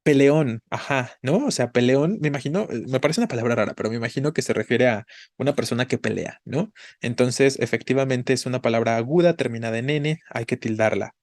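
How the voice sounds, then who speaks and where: Guy teaching a spanish class, keeps asking "right?", dry close sound, slows down to spell out syllables. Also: medium pitch, darkish tone, dry recording. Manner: patient, checks in with frequent "¿no?" and "¿vale?". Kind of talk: online grammar class.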